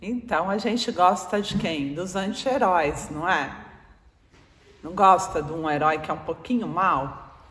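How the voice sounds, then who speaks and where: A woman's voice: lowish voice, moderate pace, fairly bright tone. A woman with a Brazilian Portuguese accent giving an informal spiritual talk, chatting with a live audience and keeping on asking them for replies. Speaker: speaker addressing an audience. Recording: echoey hall with faint noise.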